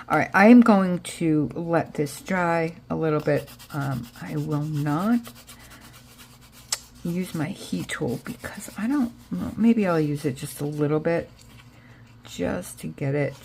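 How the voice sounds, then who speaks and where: Chatting casually about the craft she's making, this vlogger rambles, muses aloud and lets many sentences trail away. Her American accent reflects a Connecticut upbringing, though she is from Israel. The voice is deep, creaky and dark-toned, with slight background noise.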